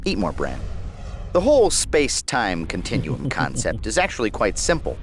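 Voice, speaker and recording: Wisecracking, wildly animated AI sidekick. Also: male voice, on the low side, normal speed, vocal fry, slight background noise, heavily acted. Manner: jokey, theatrical, swooping delivery. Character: wisecracking, hammy artificial intelligence sidekick. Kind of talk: comic video game voice acting.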